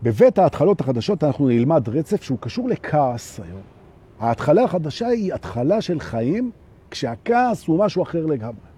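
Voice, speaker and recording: A man giving a live-streamed spiritual talk on anger, animated, who repeats phrases for emphasis and keeps asking his listeners "right?". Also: fairly high pitch, husky. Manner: acts out little everyday scenes. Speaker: spiritual teacher.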